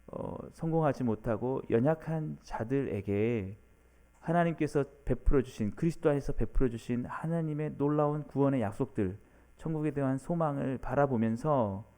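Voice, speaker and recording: Male pastor, early-morning sermon, warm dark tone, earnest and dynamic, swings from loud to low. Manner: earnest preaching, voices imagined inner questions of the listeners.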